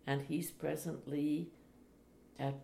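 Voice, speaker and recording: An older woman, a retired teacher, speaking slowly and reflectively in an interview. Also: low voice, fairly even intonation, gravelly. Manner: slow, reflective, with soft laughs. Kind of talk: oral history interview. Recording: echoey room, faint hiss.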